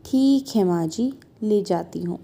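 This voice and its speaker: A woman's voice: mid-range voice, lively intonation, slow pace, vocal fry, full character voice. A woman doing a meek young daughter-in-law. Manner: soft, submissive.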